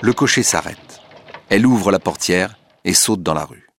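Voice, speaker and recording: A man narrating a story in an expressive, dramatic reading style. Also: sits low, normal speed, noisy background.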